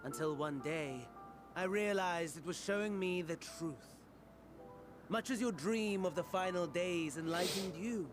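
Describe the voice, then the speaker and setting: A man playing a scheming, courtly game villain, mocking and morbidly delighted, with mannered formal phrasing and dramatic pauses. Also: high voice, over music. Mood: morbid reverie. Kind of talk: dramatic video game voice acting.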